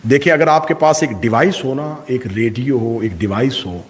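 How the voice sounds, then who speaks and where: A male Shia cleric giving a majlis sermon, oratorical and full of rhetorical questions, swinging from loud peaks to hushed asides. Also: medium pitch. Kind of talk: majlis sermon to a live congregation.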